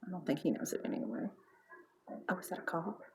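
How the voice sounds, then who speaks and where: A woman's voice: lowish voice, brisk, background noise, close to an everyday voice. A woman putting on a nosy gossiping wife. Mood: gossipy. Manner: gossipy, drops to hushed whispers then bursts out loud. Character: nosy gossiping wife pestering her husband.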